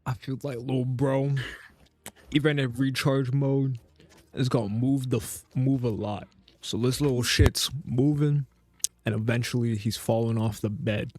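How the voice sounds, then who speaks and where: A man's voice: mid-range voice, steady tone, unhurried, a little mellow, no room sound. A man playing a tabletop game over voice chat, joking and swearing casually. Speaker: player.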